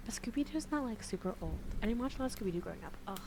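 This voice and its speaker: A woman's voice: a little high, expressive, very fast, noisy background. A woman hosting a whispered ASMR gaming stream with casual chat, speaking in a playful, giggly, slangy way. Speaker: streamer and host.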